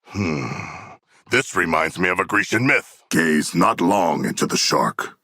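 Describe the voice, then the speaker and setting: Hulking battle-hungry shark warrior, video game. Low, forceful, husky delivery, noble and earnest, stilted formal phrasing. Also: male voice, expressive, a little slow, no room sound, studio quality, full character voice. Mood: musing, formal. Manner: formal, grandiose, stilted diction with literal-minded earnestness. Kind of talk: theatrical video game voice acting.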